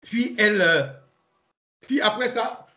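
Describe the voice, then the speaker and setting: A man leading an informal Bible study, pausing, repeating words and spelling names out letter by letter. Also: sits high, pushed and bright, a little hiss or hum. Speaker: Bible teacher. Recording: roomy echo.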